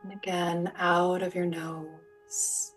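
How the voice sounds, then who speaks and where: With a low, slightly rough voice and flat delivery, a yoga nidra guide speaks slowly through a guided meditation. Her soft instruction is soothing, gentle and unhurried. A distant mic captures her over soft music or sound bowls.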